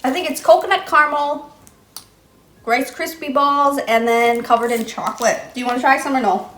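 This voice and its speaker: A woman's voice: high-pitched, fairly even intonation, moderate pace, fairly bright tone. A young woman hosting a casual snack taste-test vlog, chatty and upbeat, keeping an eye on a small child beside her. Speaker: vlogger. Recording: echoey room, faint noise.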